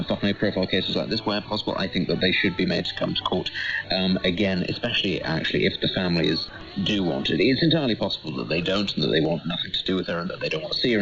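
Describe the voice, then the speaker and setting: Casting: male pundit, low register, careful and qualifying, dull video-call sound with voices behind. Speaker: panel guest. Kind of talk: conversational panel commentary.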